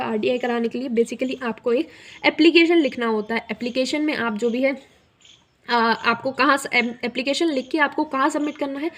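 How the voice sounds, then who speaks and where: Young woman explaining college procedures. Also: sits high. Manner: conversational, many fillers, mixes English words into Hindi. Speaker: student guidance youtuber. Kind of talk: explainer video.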